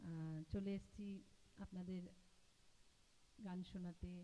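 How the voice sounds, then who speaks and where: Woman, live stream host, casual chat, checks comments, bright tone, mic and speaker box in front of camera. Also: fairly low pitch, steady tone, takes it slowly, low-quality recording. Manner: chatty, checks comments about the sound. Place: home room with speaker box.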